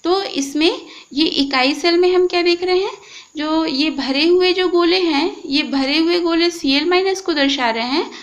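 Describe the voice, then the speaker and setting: A high-pitched woman with an Indian accent gives a chemistry lecture at an unhurried pace. She explains patiently, counting each item aloud one by one as she points through a diagram. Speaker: chemistry teacher. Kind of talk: recorded classroom lecture.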